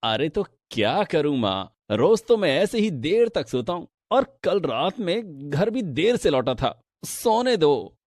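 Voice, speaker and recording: A man's voice: on the high side, sing-song, slow pace, few pauses, a little mellow, no room sound, studio quality, exaggerated voice. A man voicing a lazy, careless young son who drinks, in a cartoon, with a drawling, irritable delivery. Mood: sleepy whining. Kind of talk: cartoon voice acting.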